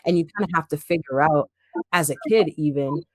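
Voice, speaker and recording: A young adult speaks in a casual podcast voice at a medium pitch. The explanations are expressive and full of little acted-out asides, heard close and dry with no room sound. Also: fairly quick, no room sound. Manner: expressive, acts out quotes. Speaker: podcast co-host.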